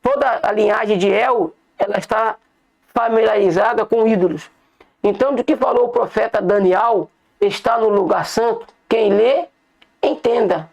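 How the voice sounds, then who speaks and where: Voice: mid-range voice, normal speed, gravelly, darkish tone, highs cut off. A bible teacher with a Brazilian Portuguese accent, giving an informal online sermon and often calling the listeners brothers while repeating points.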